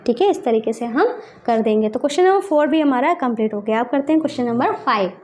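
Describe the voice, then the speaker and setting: Woman teacher, high voice, walks thru math problems slow, says each digit one by one. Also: lively intonation, a little mellow. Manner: asks and answers her own questions. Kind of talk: step-by-step math lesson.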